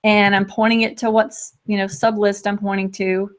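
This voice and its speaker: Fast-talking, chatty woman demo host. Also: medium pitch, level tone. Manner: fast, chatty, restarts sentences often; laughs lightly between points. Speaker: host demonstrating software. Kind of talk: live screen-share software walkthrough.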